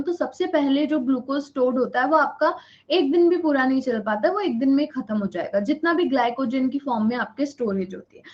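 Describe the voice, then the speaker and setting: A woman's voice: high-pitched, lo-fi sound. A woman teacher giving a live online biology lecture, mixing Hindi with English, repeating key points and often checking whether students understand.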